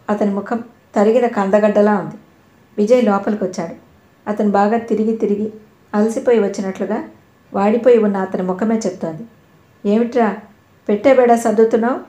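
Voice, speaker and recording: A woman narrating an audio novel with steady storytelling. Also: mid-range voice, echoey room.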